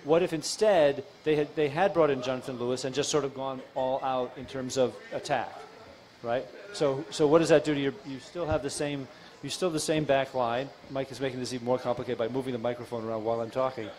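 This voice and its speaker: A middle-aged man co-hosting a soccer post-game show in a bar, with a quick, dry, teasing way of talking. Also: mid-range voice, steady tone, a little mellow. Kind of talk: casual post-game analysis. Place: dim bar. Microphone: studio mic on stand with foam cover, headphones.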